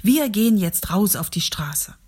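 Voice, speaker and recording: Lady reading peter the apostle, bold eager guy, soft breathy storybook voice. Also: medium pitch, expressive, measured pace. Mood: jubilant.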